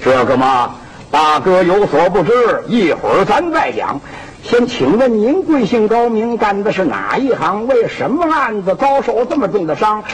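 A man's voice: high voice, normal speed, rough recording. A man playing a bold, cocky outlaw hero. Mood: courteous. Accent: Shandong. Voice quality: bold, lively. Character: cocky, courteous young male outlaw hero. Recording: hissy old recording.

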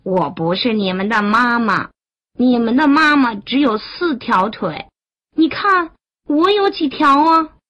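Woman as a teasing, jolly storybook crab, high voice. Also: lively intonation, a little slow, a bit bright, lo-fi sound. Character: jolly big crab with claws.

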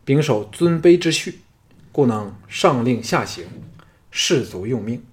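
A male audiobook reader voicing a young king who speaks in a composed, measured way and builds to forceful declarations. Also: mid-range voice, close to an everyday voice. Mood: commanding.

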